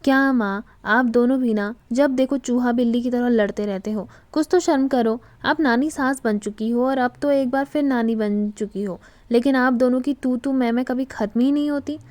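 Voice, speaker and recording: A quick-witted middle-aged wife who teases her husband and rolls her eyes at family squabbles, as a woman narrator plays her. The voice is fairly high and recorded dry and close. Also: darkish tone, no room sound, close to an everyday voice. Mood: teasing.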